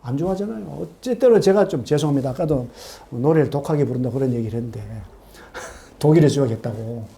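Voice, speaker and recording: A middle-aged man preaching a sermon in a church, animated, asking his congregation questions and acting out quoted voices. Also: mid-range voice, fast talker, gravelly. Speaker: pastor. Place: church sanctuary.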